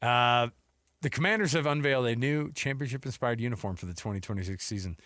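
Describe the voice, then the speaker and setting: An American man co-hosts a sports radio show, running through the news in casual, jokey banter and acting out quotes he imagines. His voice is medium-pitched and fairly bright, and he talks fast. The studio recording is clean, with no room sound.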